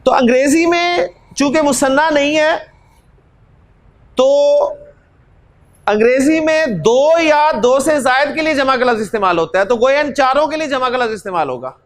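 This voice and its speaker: A man teaches a grammar lesson. He repeats short pronoun forms in a steady chant and peppers his explanations with a polite "ji". He gestures with his hands as he talks. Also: very high-pitched, normal speed. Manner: drills pronouns in chanted repetition, says "जी" often. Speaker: Arabic teacher. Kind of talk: classroom-style grammar lesson.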